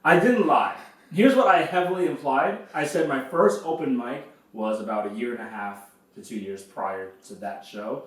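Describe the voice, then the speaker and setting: Relaxed man in a roomy echo. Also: medium pitch, moderate pace. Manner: relaxed, swears casually. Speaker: podcast co-host. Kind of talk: casual podcast chat. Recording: echoey room, far from mic.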